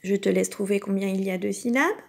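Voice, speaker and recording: A woman teacher giving a recorded lesson to young children, speaking patiently and sounding out each syllable clearly. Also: medium pitch, fast. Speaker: kindergarten teacher.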